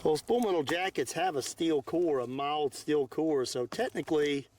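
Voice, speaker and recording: An American man talking casually and excitably as he hosts an unscripted outdoor demonstration. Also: on the high side, normal speed, slight background noise. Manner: excitable, exclaiming. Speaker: host of a shooting video. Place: outdoors at a shooting range.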